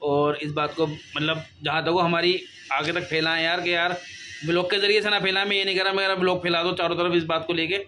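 A man's voice: a little high, level tone, quick pace, sharp tone, slight background noise. A man, chatting and joking to camera in a casual family vlog at home. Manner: chatty, joking, addresses viewers as "guys". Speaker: family vlogger. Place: home and rooftop.

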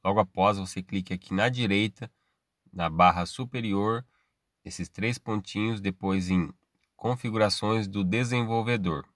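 On a tech channel, a Brazilian host with a Brazilian Portuguese accent guides viewers step by step through a screen-recorded tutorial, casual and frequently checking in with tag questions. He speaks a little slowly in a lowish, fairly bright voice; the audio is studio quality with no echo.

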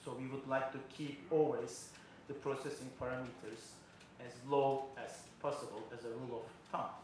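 Lecturing as the keynote speaker in a large indoor conference hall, a middle-aged man talks into a podium microphone with a steady, mid-range voice at a moderate pace. His explanations come step by step, laced with frequent uh fillers and non-native phrasing. There is slight background noise, faint ambience and a very echoey hall sound.

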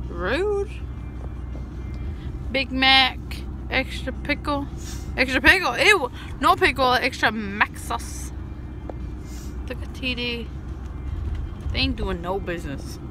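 Casting: rowdy party-animal woman, twenties, drunk vlogger, high bright voice, brash and sweary. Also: big pitch swings, takes it slowly, pauses often, soft background music. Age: 20s. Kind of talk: casual drunk vlog chat. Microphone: handheld phone at arm's length.

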